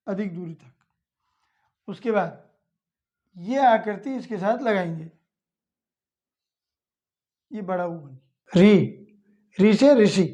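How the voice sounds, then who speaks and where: A woman's voice: medium pitch, warm tone, dull audio. A woman teaching young children, explaining each step patiently and repeating it plainly. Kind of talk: slow step-by-step lesson for children.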